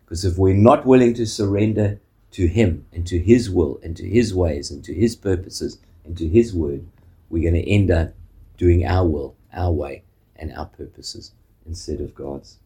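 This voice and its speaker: A South African man preaches a sermon as pastor in a low, warm voice. His delivery is measured, and he often closes his points with a questioning "eh?"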